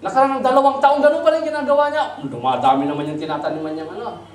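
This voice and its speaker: A pastor giving a storytelling sermon, animated and swinging from loud to hushed. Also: male voice, very high voice, fast. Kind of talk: storytelling sermon, mixing Tagalog and English. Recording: roomy, distant mic, faint noise.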